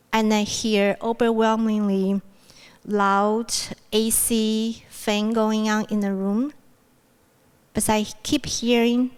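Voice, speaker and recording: A woman who speaks Mandarin as her first language guides a grounding mindfulness exercise at a plenary, talking into a podium microphone. Her voice is fairly high, clear and resonant, and her delivery is gentle and unhurried, full of fillers and restarts. A loud air-conditioning fan hums in the university event room.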